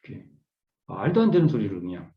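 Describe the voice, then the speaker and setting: A middle-aged Won Buddhist minister gives a fast-paced online lecture on scripture, his lowish voice swinging hugely in pitch. As he muses through the material, he repeats key words and restarts often. It's recorded in an echoey room with dull, lo-fi quality.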